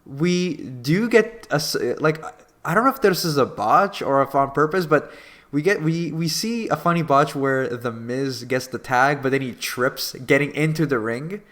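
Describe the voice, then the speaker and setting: A man's voice: mid-range voice, moderate pace, fairly bright tone. A man co-hosting a wrestling podcast, recapping the show play by play in a casual chat with dry sarcasm. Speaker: podcast co-host.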